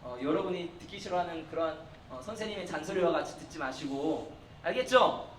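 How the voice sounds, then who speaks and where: Fairly high-pitched, expressive and a little fast, this young man is a youth pastor addressing middle schoolers in a church hall. His style is playful and coaxing, with frequent bursts of volume for emphasis, heard from far off in an echoey hall with faint noise.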